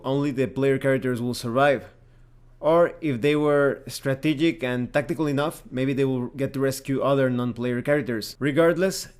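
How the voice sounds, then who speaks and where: Hosting his own channel as a tabletop game reviewer, a man lays out points in measured, explanatory commentary that's semi-scripted and emphatically worded. His voice sits at a middle pitch and sounds clear and resonant.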